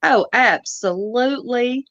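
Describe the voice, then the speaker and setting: A woman's voice: fairly high pitch, slow pace, a bit bright, no echo. A woman hosting a casual live stream chat, chatty and laughing often, with homespun turns of phrase. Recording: dull lo-fi dry sound.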